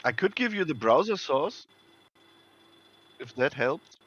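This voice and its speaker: A man chatting casually as a remote guest on a stream, his voice quiet and cutting in and out over a dropping connection. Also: a little high, sing-song, slow, slightly rough. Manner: quiet, offhand. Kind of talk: casual chat. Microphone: remote call link. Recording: dull, distant internet call audio.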